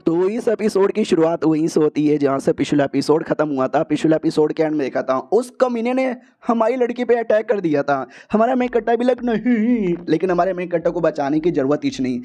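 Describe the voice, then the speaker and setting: A man narrating a manga recap in a slangy, joking style with quick asides. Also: on the high side, expressive, dark tone. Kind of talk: comedic story recap. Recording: dull lo-fi sound.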